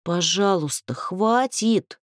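A woman's voice: mid-range voice, sing-song, moderate pace, a little mellow, no room sound, studio quality, pitched above the performer's own voice. A woman voicing a weary young heroine who grumbles wry remarks.

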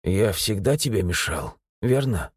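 A man's voice: on the low side, big pitch swings, measured pace, slightly rough, dry recording, studio quality, voice pushed down, exaggerated voice. A man voicing a bitter young man who lost his legs and feels betrayed by his parents. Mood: weary. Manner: bitter, shouting then quiet.

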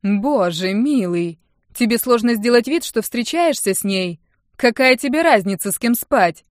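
A woman's voice: a little high, lively intonation, a little slow, no echo, studio quality. A woman reading an audiobook, voicing a domineering wealthy middle-aged mother who talks with sarcasm and scorn. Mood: angry. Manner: sarcastic, venomous, raising her voice.

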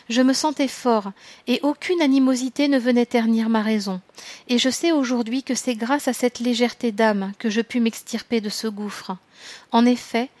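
Woman narrator, slightly high voice, calm measured storybook reading, dry booth sound. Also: no room sound. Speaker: audiobook reader. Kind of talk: scripted first-person narration.

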